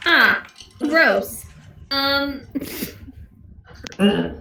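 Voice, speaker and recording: A woman's voice: high voice, expressive, extremely slow, pushed and bright. A woman playing a tabletop game, chatting casually and thinking aloud in a hesitant way. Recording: very echoey with faint noise.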